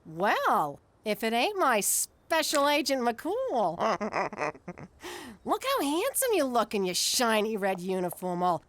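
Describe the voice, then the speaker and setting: A brassy flirty mob wife. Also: female voice, a little high, wildly swooping pitch, unhurried, few pauses, fairly bright tone, slight background noise, exaggerated voice. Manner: brash, flirty, giggly.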